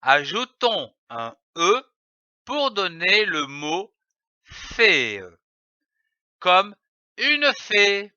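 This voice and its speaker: Slow, bright-voiced man teaching phonics. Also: high voice, very animated, no room sound. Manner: spells out letters and syllables slowly and deliberately. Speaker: reading teacher. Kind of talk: slow, carefully articulated phonics lesson. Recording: dry, dull lo-fi voice-over.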